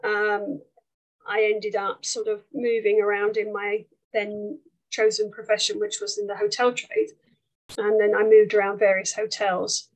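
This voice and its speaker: A woman's voice: medium pitch, completely flat delivery, unhurried, rough recording. A woman with an Essex accent from England, chatting about her life as an interview guest. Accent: Essex English. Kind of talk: conversational life story.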